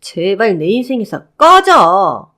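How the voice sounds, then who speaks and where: A woman's voice: mid-range voice, very animated, takes it slowly, bright, forceful tone, full character voice. A woman playing a scornful ex-wife. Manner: cutting, scornful. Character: sharp-tongued divorced woman, cold and scornful. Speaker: flight attendant.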